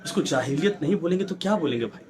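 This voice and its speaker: A man with a fairly high voice delivering fervent news commentary. He lectures and pleads with viewers, pressing his points with one rhetorical question after another in a preachy, exhorting tone. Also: expressive, rapid-fire, darkish tone. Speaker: news anchor.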